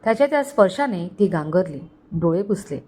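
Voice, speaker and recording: Female storyteller, scripted story narration, steady and expressive. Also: fairly low pitch, fairly quick.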